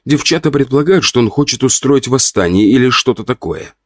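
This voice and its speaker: A man voicing an indignant, sharp-tongued middle-aged countess in an audiobook. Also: medium pitch, lively intonation, no room sound, clean studio sound, pitched above the performer's own voice, close to an everyday voice. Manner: indignant, quick to retort.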